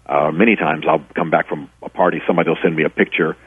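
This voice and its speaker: Over a tinny phone line with a dry sound, a middle-aged author and former pastor speaks in a rumbling low voice that is slightly rough. He talks fast with fairly even intonation, telling stories earnestly for a radio interview and frequently starting over.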